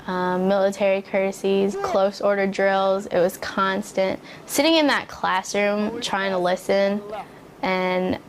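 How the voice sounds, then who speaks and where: A woman's voice: mid-range voice, fairly even intonation, measured pace. A young American woman, a recruit, giving a casual, reflective personal account. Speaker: military recruit.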